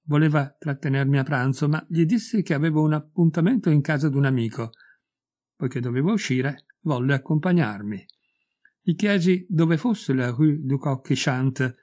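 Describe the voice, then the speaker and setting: A man's voice: a little high, moderate pace, a little mellow. Man reading a short story aloud. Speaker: audiobook reader. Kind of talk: scripted narration of a short story.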